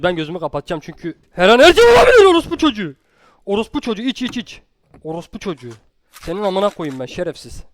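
Jumpy, foul-mouthed young male gamer. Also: on the high side. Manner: constant swearing, jumpy and loud when scared. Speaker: gaming streamer. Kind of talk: horror game let's-play commentary.

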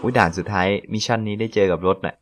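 A young man giving casual gameplay commentary, speaking quietly, exclaiming and laughing often. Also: fairly low pitch, racing, slight background noise. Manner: speaks quietly late at night. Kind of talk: casual let's-play commentary. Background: game music.

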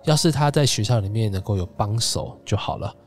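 A man hosting a podcast, retelling a story in a casual, animated way and acting out the characters. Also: on the low side, fairly quick, faint music behind. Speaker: podcast host.

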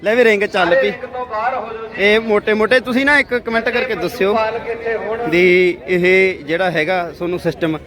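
At an outdoor livestock fair, a host with a Punjabi accent casually interviews farmers for a vlog, speaking familiarly and narrating as he moves around. His high voice keeps a steady tone at a moderate pace. The event's crowd and street noise are audible behind him.

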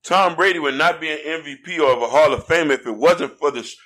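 A man's voice: fairly high pitch, fast talker, a bit bright. Earnest, preachy American man co-hosting a podcast. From United States. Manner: earnest, preachy, fond of "you know what I mean". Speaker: podcast co-host. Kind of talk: casual podcast chat. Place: podcast studio in Florida.

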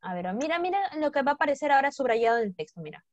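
Woman teacher, higher pitch, dry close sound, coaxing, repetitive questions. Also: sing-song, rapid-fire, dry recording, dull audio. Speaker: English teacher. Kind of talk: classroom lesson explanation.

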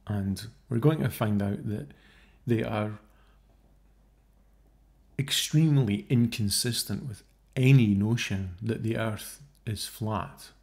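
Gravelly man, scornful screen-share talk. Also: lowish voice, slow, a little mellow. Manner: scornful, mocking asides, thinking aloud. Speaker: video creator debunking a theory. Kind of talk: casual screen-share commentary.

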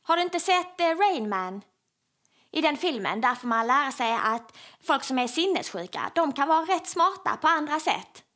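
Know-it-all woman in the crowd, bright and highish. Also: big pitch swings, full character voice. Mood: chatty.

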